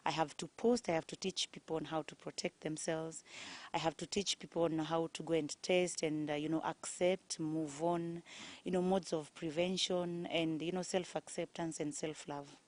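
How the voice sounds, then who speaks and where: A woman in her forties from Kenya, a guest telling her story in a testimony interview, explaining things in a steady, measured way. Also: low-pitched. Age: 40s. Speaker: guest, HIV activist and counselor.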